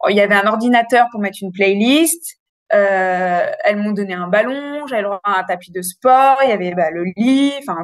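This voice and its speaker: A woman in her thirties frankly telling a long personal story in a casual, animated way, with many fillers. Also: medium pitch, no echo, studio quality. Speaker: interview guest.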